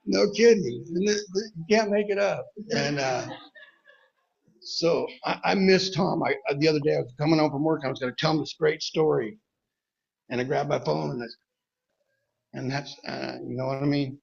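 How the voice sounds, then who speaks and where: A man giving a rambling, halting tribute at a memorial recovery meeting, mixing jokes into it. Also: a little high, vocal fry, slightly rough, lo-fi sound. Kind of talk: personal tribute speech.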